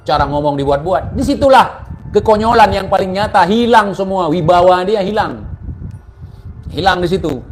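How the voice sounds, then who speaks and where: A man giving casual spoken commentary in a mocking, scolding way, full of rhetorical questions. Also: high-pitched.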